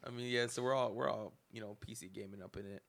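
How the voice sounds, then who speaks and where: A man's voice: fairly low pitch, fairly even intonation, fast talker, vocal fry, a bit bright. A young man hosting a casual podcast chat, joking and laughing often. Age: young adult. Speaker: podcast host.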